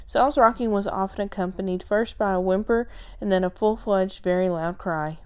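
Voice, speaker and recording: A woman reading a children's chapter book aloud, calm and steady. Her voice is smooth and clear, sitting at a middle pitch for a woman. She trips over a word now and then but keeps going. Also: normal speed. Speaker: storyteller.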